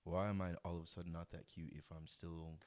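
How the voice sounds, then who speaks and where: Deep-voiced young man, teasing co-host. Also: little pitch movement, quick pace, a little mellow. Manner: teasing, questioning listener. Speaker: podcast co-host. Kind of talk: casual chat.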